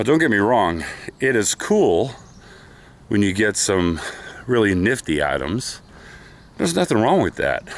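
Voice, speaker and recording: A man casually vlogging outdoors about camera gear, chatty and enthusiastic, a bit out of breath, recorded on the camera's own microphone. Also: lowish voice. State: slightly out of breath. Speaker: product review vlogger. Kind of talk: casual talking-head vlog. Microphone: camera's built-in microphone.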